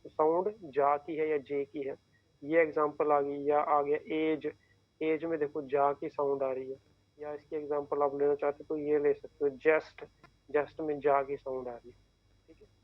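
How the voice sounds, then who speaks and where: A man's voice: a little high, level tone, moderate pace, dry recording. A man teaching a shorthand class, explaining each symbol step by step and checking in often with his students. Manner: patient, repeats points, keeps checking in with "theek hai". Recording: tinny phone-like dry sound.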